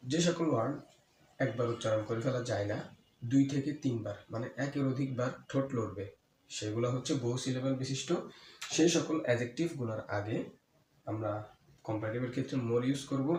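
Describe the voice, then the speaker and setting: A man's voice: medium pitch, a little mellow. Man teaching grammar in an echoey room. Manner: repeats key words slowly, asks and answers his own questions. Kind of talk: explanatory grammar lesson. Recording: echoey room with faint ambient noise.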